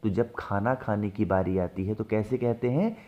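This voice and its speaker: A man teaching household ritual steps, often asking a question and then answering it himself, slowing down to stress key steps. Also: on the low side, highs cut off. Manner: asks and answers his own questions. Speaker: religious ritual instructor. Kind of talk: devotional how-to teaching.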